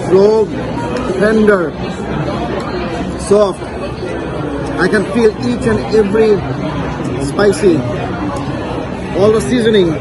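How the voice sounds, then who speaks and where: A man's voice: high voice, steady tone, slow pace, pauses often, over a noisy crowd, heavy background noise. A man reviewing food for his vlog, chewing while talking and savoring each bite. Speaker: food vlogger.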